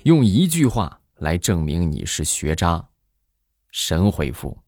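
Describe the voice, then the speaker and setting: A man's voice: sits low, slow pace, faint music behind. A middle-aged man hosting a joke show, telling funny stories in a monologue and acting out the voices in them. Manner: animated storyteller who acts out quoted voices.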